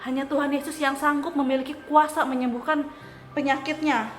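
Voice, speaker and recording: A woman teaching children at church, telling a story in an animated way and asking the kids questions. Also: high-pitched, a little fast. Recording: echoey room with faint music.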